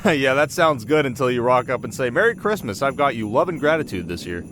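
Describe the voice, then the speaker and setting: A man's voice: mid-range voice, animated, fairly quick, slight background noise, natural voice. Man playing Jack Frost, a wry, flirty winter sprite. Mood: wry, skeptical. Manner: casual, wry, sharp-tongued. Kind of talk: ASMR audio roleplay.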